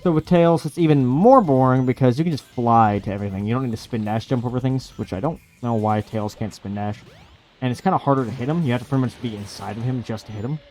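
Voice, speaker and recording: Male gaming commentator, mid-pitched, casual, sardonic and foul-mouthed, music behind him. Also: quick pace, darkish tone. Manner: sarcastic, sweary, complaining. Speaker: let's play host. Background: video game music.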